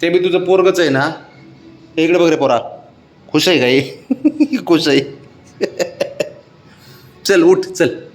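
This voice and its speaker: Guy sweet-talking his pet, slow and singsong, voice lifts a bit high. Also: animated. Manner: coaxing, doting baby talk with many soft repeats. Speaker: pet owner coaxing his cat. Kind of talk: casual pet vlog talk.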